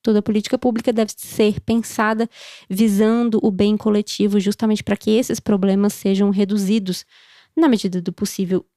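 A Brazilian woman explains things casually on a podcast in a dark, mellow voice with a choked, duck-like sound. She is chatty and playful, often posing questions and answering them herself. The recording is very dry and close. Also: medium pitch, flat delivery, normal speed, dry recording. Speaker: podcast host.

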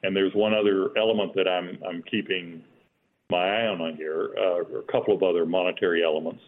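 A man with a low voice and flat intonation speaks as an economics expert in an interview. He is measured and halting, often repeating words, on a slightly muffled recording. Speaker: economist guest.

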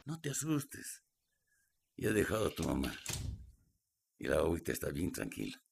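A man playing a gravelly, domineering man. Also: a bass voice, huge pitch swings, moderate pace, slight background noise, exaggerated voice. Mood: coaxing, menacing. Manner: wheedling, bossy, swings from soft to sharp. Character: domineering adult man, coaxing then menacing. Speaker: mother's partner.

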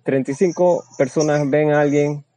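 A man's voice: fairly high pitch, steady tone, normal speed, dark tone, poor audio. A man giving a blunt, crude and boastful seminar talk as a Spanish voice-over, often restarting his phrases. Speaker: seminar speaker.

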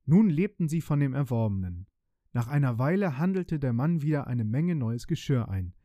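A man narrating a fairy tale in a calm, even storytelling manner. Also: medium pitch, no room sound, clean studio sound.

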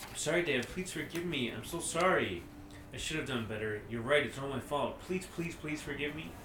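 A man's voice: mid-range voice, lively intonation, a little fast, noisy background, natural voice. Guy reading a timid apologetic son, mid voice, echoey room. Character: anxious young man seeking approval.

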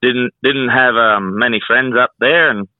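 A man's voice: medium pitch, a little slow, dry recording. A man in his twenties with a rural Queensland Australian accent, chatting plainly and laconically as an interview guest. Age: 20s. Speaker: country singer and rodeo cowboy, interview guest. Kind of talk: casual interview chat. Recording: muffled, roughly phone-like line, dry.

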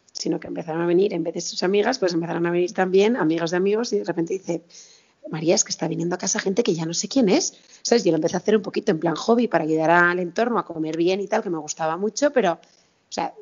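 A woman's voice: lowish voice, darkish tone, dull audio. A woman in her thirties from Spain, telling a story as an interview guest in a chatty way, with many restarts and quoted dialogue. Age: 30s. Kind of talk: casual interview chat.

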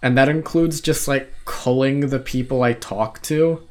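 A teenage man hosts a casual podcast. He talks slowly and drily, with plenty of swearing. His voice sits at a middle pitch. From Australia. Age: teens. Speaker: podcast host. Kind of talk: casual chat.

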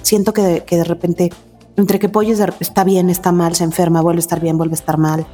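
A woman in her thirties talks as an interview guest, candid and emotional. She sounds worn out and often repeats words for emphasis. Soft music sits faintly beneath her voice. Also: lowish voice, little pitch movement, fairly quick. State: weary. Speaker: guest, mother of two.

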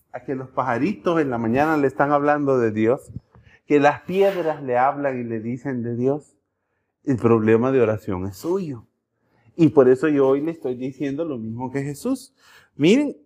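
A male pastor preaching a sermon in a conversational way, often checking in with the congregation and telling lively stories. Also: medium pitch. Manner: conversational, keeps asking the congregation "¿verdad?"; animated storytelling with acted-out voices and jokes.

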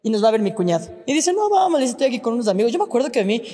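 A woman's voice: on the high side, lively intonation, racing, warm tone, in a large hall. An Ecuadorian woman co-hosting a podcast in casual, teasing chat, laughing often. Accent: Ecuadorian Spanish. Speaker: podcast co-host.

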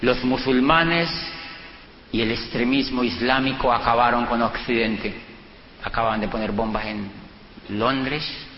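A middle-aged Colombian man with a Colombian accent, telling personal anecdotes to an audience and acting out the dialogue in a lively way. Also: unhurried. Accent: Colombian Spanish. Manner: animated anecdotes, acts out dialogue with lively pitch jumps. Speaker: speaker giving a talk. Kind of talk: storytelling lecture to an audience. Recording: dull, echoey hall with faint noise.

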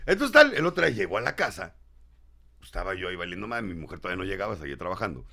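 A man with a Mexican accent, hosting and telling a funny story in animated, self-mocking chat. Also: low voice, very fast, gravelly. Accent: Mexican Spanish. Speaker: host.

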